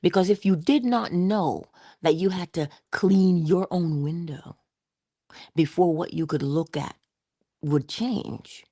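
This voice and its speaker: A woman giving an inspirational spoken reflection, slow and emphatic, posing rhetorical questions and dropping into soft whispered asides. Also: lowish voice, no room sound, clean studio sound. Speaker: inspirational speaker.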